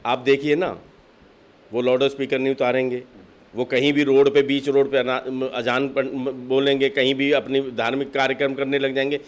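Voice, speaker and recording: This man, a district official for a political party, is being interviewed and talks at a moderate pace in a medium-pitched, flat voice. He argues insistently and with passion, frequently throwing out rhetorical questions.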